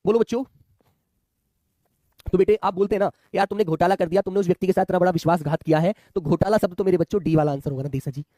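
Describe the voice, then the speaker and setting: A man's voice: high voice, fairly even intonation, racing, warm tone, no room sound, clean studio sound. A man teaching a live online exam class, chatty, often calling students his children and asking them to answer.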